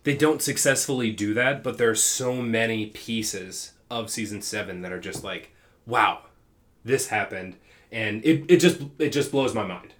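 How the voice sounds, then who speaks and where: A man's voice: fairly low pitch, normal speed, few pauses. A man in a casual podcast chat, enthusiastic and full of fillers.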